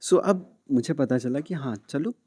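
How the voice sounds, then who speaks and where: Mellow-voiced man telling animated stories. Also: mid-range voice, unhurried, dry recording. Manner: animated storyteller who acts out dialogue and sounds; switches freely between Hindi and English. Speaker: podcast guest, radio jockey. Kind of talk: casual interview storytelling.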